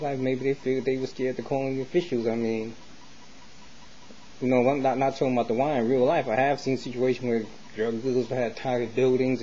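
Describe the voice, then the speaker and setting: In a dull, lo-fi recording with faint noise, an American vlogger with a mellow, mid-range voice rambles on casually about his opinions, dropping street slang and returning to points he's already made.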